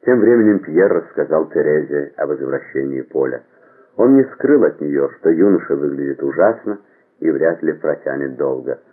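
A man reading a novel aloud as an audiobook narrator, in a measured, expressive way. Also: very deep voice, slightly rough. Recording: tinny phone-like band.

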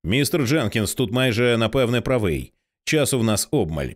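A man voicing a stern commanding man who takes charge, speaking in calm, clipped orders. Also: medium pitch, normal speed, close to an everyday voice. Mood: grim commanding.

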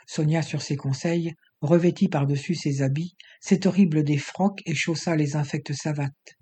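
A man reading an adventure novel aloud with steady, expressive pacing. His voice sits fairly high for a man, with a mellow, dark tone and a slightly husky texture. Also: normal speed. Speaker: audiobook narrator. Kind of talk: scripted narration of an adventure novel.

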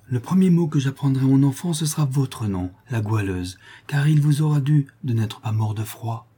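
A man's voice: on the high side, fairly even intonation, a little fast, dark tone, husky, pitched above the performer's own voice. A man voicing a tearful young woman prisoner who is expecting a child, pleading and sobbing with fierce pride. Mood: tearful resolve.

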